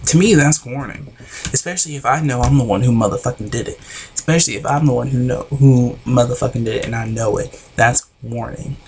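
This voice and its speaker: A man's voice: mid-range voice, a little fast, a little mellow, slight background noise. Blunt, profane man recapping a show. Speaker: reality TV recapper.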